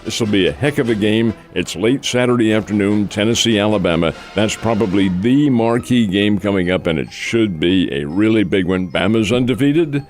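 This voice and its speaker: A man's voice: lowish voice, moderate pace, hardly any pauses, faint music behind. An older man co-hosting a sports radio show, giving folksy rundowns of games and calling listeners "folks". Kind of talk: casual sports radio chat.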